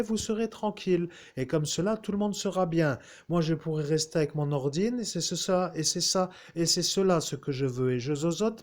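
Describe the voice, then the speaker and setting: Guy doing a pushy captain w/ a slushy lisp, s comes out sh, higher voice, keeps repeating himself. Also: a little mellow, natural voice. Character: lisping male police captain, insistent, scheming, indecisive.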